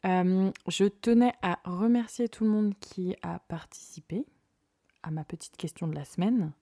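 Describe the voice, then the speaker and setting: A woman hosting her podcast in a relaxed, playful chat, pausing often with small hesitations, recorded in her parents' home office. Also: medium pitch, dry recording, studio quality. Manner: chatty and playful, with frequent hesitations. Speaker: podcast host. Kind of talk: casual chat. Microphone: podcast mic without its usual arm.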